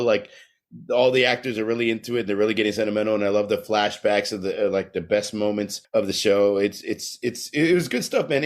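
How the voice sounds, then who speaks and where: A young man co-hosting a podcast, talking casually and rambling, repeating words as he goes. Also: mid-range voice. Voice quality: gravelly, swearing freely. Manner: rambling, repeats words, laughs at recalled jokes. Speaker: podcast co-host. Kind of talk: casual chat.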